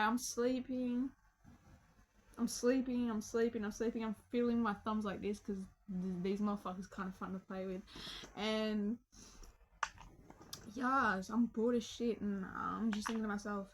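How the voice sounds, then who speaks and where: Over poor audio, a young woman vlogger with a fairly high voice casually tells a story about herself. She jokes around, swears, piles on slang and keeps calling the listener "bro".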